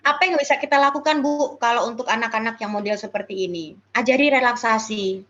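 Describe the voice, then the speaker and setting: A woman's voice: on the high side, a little fast, fairly bright tone, lo-fi sound. A woman speaker at a parenting class, explaining casually and acting out how children talk. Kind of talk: parenting talk answering questions.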